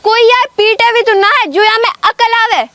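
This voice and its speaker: A woman playing a sharp-tongued old village wife, scolding and threatening in a village comedy skit. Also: extremely high pitch, fairly even intonation. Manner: scolding, threatening, fast insults. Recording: loud background noise.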